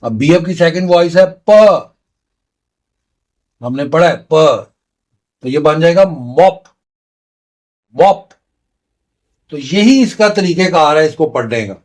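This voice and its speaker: A man's voice: a little high, expressive, unhurried, pauses often, darkish tone. A man teaching a beginner language lesson, patiently repeating each sound step by step. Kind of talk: slow explanatory lesson.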